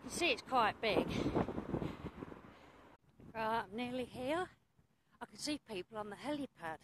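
A woman's voice: a little high, animated, a little slow. A woman chatting casually to her phone camera while walking around a harbour quayside, exclaiming and mildly swearing. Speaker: vlogger. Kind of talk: casual handheld narration. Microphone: phone camera held in hand. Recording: outdoor noise on phone mic.

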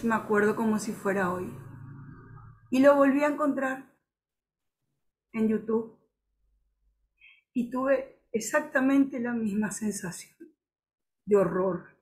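Slow, halting woman on a video call. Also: fairly high pitch. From Paraguay border region. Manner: slow, reflective, halting with many restarts. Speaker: audience member. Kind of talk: personal testimony on a video call.

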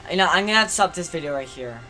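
Bright, excitable gamer voice. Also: medium pitch, very fast, faint music behind. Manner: excitable, easily frustrated. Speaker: gaming channel host. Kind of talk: live gameplay commentary.

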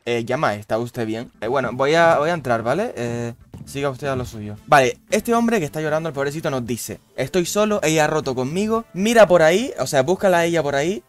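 A young man, giving casual, swear-heavy commentary over his gameplay with loud, baffled outbursts. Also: medium pitch, lively intonation, a little fast, soft background music. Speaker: gaming youtuber.

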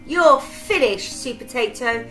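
A woman's voice: fairly high pitch, animated, a little slow, pushed and bright, soft background music. A woman voicing an evil little pea villain with a shrieking, gloating manner in a storybook reading.

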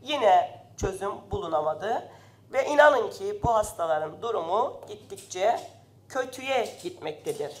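A woman's voice: medium pitch, lively intonation, a little slow. A woman member of parliament, giving an impassioned, indignant speech at a rostrum microphone in a parliament chamber while slightly ill. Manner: impassioned, indignant, rising to loud emphasis.

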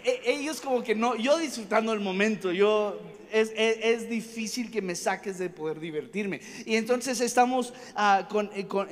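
A young man preaching a storytelling sermon at a conference. He rambles from one anecdote to the next, jokes and acts out voices. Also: sits high. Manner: animated, rambling, jumps between stories. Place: conference hall stage. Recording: reverberant hall, faint ambience.

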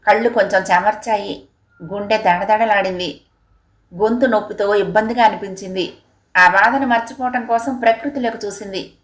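Woman narrator, audiobook story reading, steady, expressive. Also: mid-range voice, normal speed.

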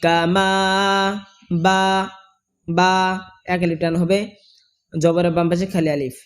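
Slow, high-voiced man teaching recitation. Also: little pitch movement, a little mellow, soft background music. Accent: Bangladeshi Bengali. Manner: slow drawn-out chanting of Arabic phrases between explanations. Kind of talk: recitation lesson, explaining then chanting phrases.

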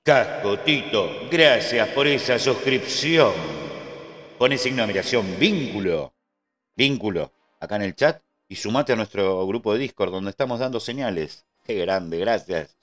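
With faint music behind him, this Argentine-accented man talks at normal speed in a somewhat bright mid-range voice. He's running a casual trading livestream, chatting loosely, answering the chat and thanking his subscribers.

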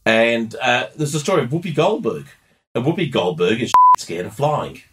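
A middle-aged man spins a long anecdote for his podcast co-host. He talks in a casual, animated way, laughs often and trips over his own restarts. His pitch is plain, in the middle of the range. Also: moderate pace.

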